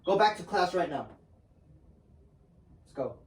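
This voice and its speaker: A man's voice: sits high, lively intonation, a little slow, roomy sound, far from the mic. A young man voicing a stern female school CEO who hurries kids along with bossy, repeated orders.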